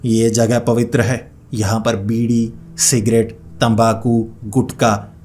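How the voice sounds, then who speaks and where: A man's voice: mid-range voice, little pitch movement, takes it slowly, darkish tone, slight background noise, lightly acted. A man voicing a stern ghostly father who speaks in a heavy, warning voice.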